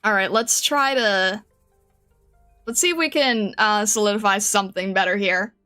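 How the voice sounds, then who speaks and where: A woman livestreaming casually while she draws, thinking aloud in a hesitant, rambling way with a bright, high voice. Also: moderate pace, soft background music. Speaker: livestreaming artist.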